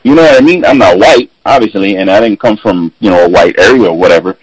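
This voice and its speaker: A man's voice: lowish voice, fast talker, husky, no echo, low-quality recording. A man hosting a podcast in casual chat, telling stories and acting out the people he quotes, swearing freely. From Puerto Rican and Dominican heritage. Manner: animated storyteller, acts out quotes, swears freely. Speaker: podcast host. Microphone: remote call.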